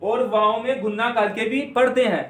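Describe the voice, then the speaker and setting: A man teaching Quran recitation step by step. He asks his own questions and answers them, and he draws out words slowly to demonstrate them. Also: sits high, fairly even intonation, a bit bright, roomy sound.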